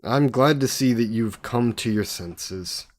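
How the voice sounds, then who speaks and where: Speaking to the listener in an audio roleplay, a man takes on the role of an ancient male demon bound to a necklace, sly, possessive, mocking, and theatrical. His mid-range voice sounds natural and moves at a measured pace.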